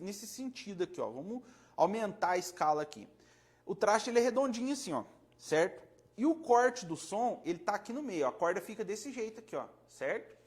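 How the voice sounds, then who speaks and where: Brazilian luthier explaining guitar frets. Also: male voice, sits high. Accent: Brazilian Portuguese. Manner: demonstrates with his hands, checks in often with "right?"; relaxed, rambling, self-correcting. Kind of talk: casual hands-on explanation.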